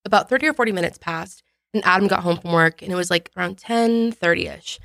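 A woman's voice: fairly low pitch, fairly quick, gravelly, a bit bright, no echo, clean studio sound. Chatty young woman telling a story. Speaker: podcast co-host. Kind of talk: casual storytelling.

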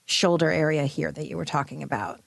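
A woman's voice: sits low, fairly even intonation, a little fast, gravelly, no echo. A woman hosting a show in casual chat, informal and effusive in the way she talks. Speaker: show host.

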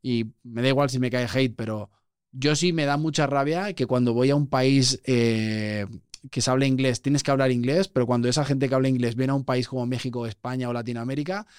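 A man's voice: medium pitch, brisk, clear, resonant tone, no echo, studio quality. A man, a podcast guest chatting casually and acting out the voices in his stories. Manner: animated storyteller, acts out quoted voices.

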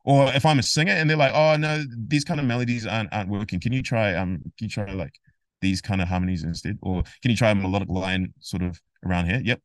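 A man guest on a casual interview podcast, explaining music theory in an animated, emphatic way and acting out imagined conversations. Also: lowish voice, fast talker, no echo, studio quality.

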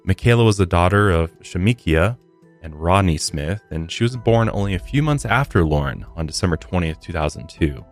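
An American man hosts a true crime podcast, shifting between scripted storytelling and casual commentary in a somber way. His voice is low with lively intonation at a moderate pace, and faint music plays behind him.

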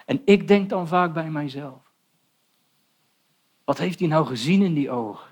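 A man's voice: a little high, lively intonation, measured pace. A man preaching a sermon in an earnest, pleading way, speaking directly to young listeners.

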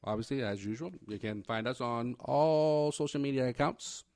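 A man's voice: mid-range voice, normal speed, darkish tone, no echo, studio quality. Laid-back man hosting a sports podcast. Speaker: podcast host. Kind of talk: casual sports podcast chat.

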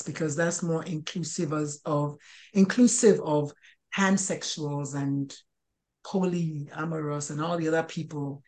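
A woman's voice: fairly low pitch, a little mellow. A woman in her sixties, a pediatrician and life coach, talking as an interview guest with many restarts and fillers. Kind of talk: interview conversation.

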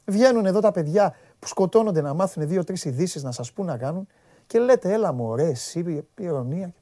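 A man's voice: sits high, expressive, mellow, dry recording, studio quality. A man hosting a live sports talk show, scolding his viewers in an exasperated, repetitive way. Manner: scolding, exasperated, repeats himself when worked up. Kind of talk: heated live sports chat.

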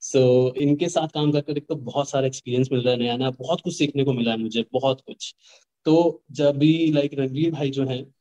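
A young rapper guest talks earnestly and at length in a casual interview, rambling and mixing Hindi with English phrases. His medium-pitched voice moves at normal speed with a dark tone, and the recording has its highs cut off.

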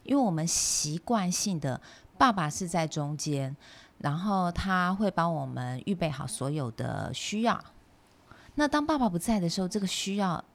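A woman with a low, gravelly voice in casual podcast chat. She speaks thoughtfully and works through her points with examples from her own life. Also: sing-song, normal speed.

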